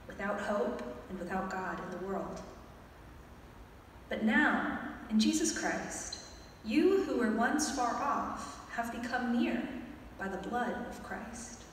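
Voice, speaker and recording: A woman reading scripture aloud as a lector at a pulpit microphone, in a deliberate, formal way. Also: a little high. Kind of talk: scripture reading and responsorial psalm. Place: indoor church sanctuary, at the lectern. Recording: echoey church, far from the mic, faint noise.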